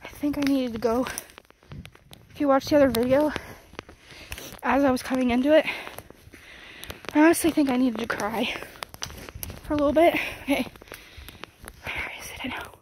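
Breathless high-voiced woman walking in woods. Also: moderate pace, pauses often, a little mellow, slight background noise, poor audio. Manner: rambling, talks to viewers while walking. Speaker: vlogger. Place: outdoors in woods.

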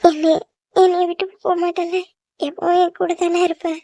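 A woman's voice: sits high, steady tone, fairly quick, warm tone, dry recording. A woman voicing an anxious, emotional young orphaned woman in a cartoon drama. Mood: tearful. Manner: pleading, emotional.

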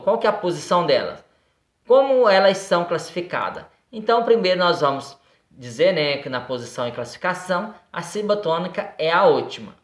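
Brazilian lady teacher, low voice, talks kids thru grammar, keeps saying né, roomy echo. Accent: Brazilian Portuguese. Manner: patient, asks and answers her own questions; often tags lines with "né?" and "ok?". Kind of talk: recorded grade-school grammar lesson.

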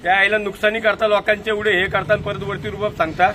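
A man's voice: high-pitched, level tone, fast talker, bright, forceful tone, a little hiss or hum. A man, a citizen activist, aggressively interrogating officials and repeating his demands while filming on his phone outdoors. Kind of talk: heated street confrontation. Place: outdoors on a busy street. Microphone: phone camera filming live.

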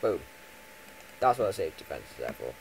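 Rambling gamer with a lively, swinging voice. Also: male voice, fairly quick, gravelly, a little hiss or hum, low-quality recording. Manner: rambling, chatty, with lots of ums and self-corrections; swings from loud bursts to low mumbles. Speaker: gaming YouTuber. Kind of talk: Minecraft let's play commentary.

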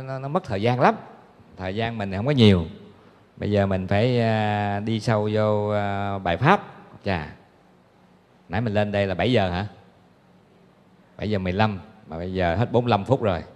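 A man's voice: lowish voice, moderate pace, long pauses, darkish tone. A man giving a Buddhist dharma talk, telling stories in a conversational way with many fillers. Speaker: Buddhist monk teacher. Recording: long hall reverb.

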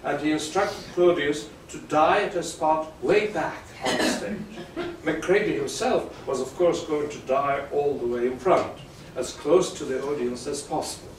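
A man's voice: on the high side, measured pace, a little hiss or hum. Man recounting a stage anecdote, echoey. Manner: amused storytelling, builds to punchlines. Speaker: storyteller. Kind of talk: narrated theatre anecdote. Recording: very echoey room, distant mic.

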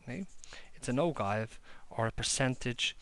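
This maths lecturer, filmed by an overhead camera above his desk, sketches on paper and walks through each step of a handwritten whiteboard-style lesson in plain terms. His voice is medium-pitched and fairly bright, at a moderate pace, with no room sound.

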